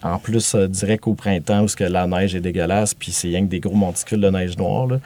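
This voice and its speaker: A man's voice: sits low, steady tone, fairly quick, warm tone. A man in his late thirties with a Quebec French accent. He is a film director talking reflectively in a casual interview, stammering and laughing between thoughts. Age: late 30s.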